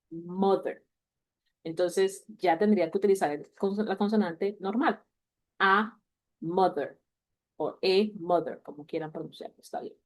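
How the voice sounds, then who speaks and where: A woman teaching a class, patiently explaining grammar and slowly repeating example words. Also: medium pitch, a little mellow. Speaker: English teacher.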